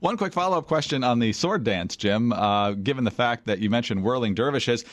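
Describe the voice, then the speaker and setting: A man's voice: medium pitch, animated, a little fast, no echo. An American man co-hosting a podcast with casual, wry banter and a dry sense of humor. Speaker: podcast co-host.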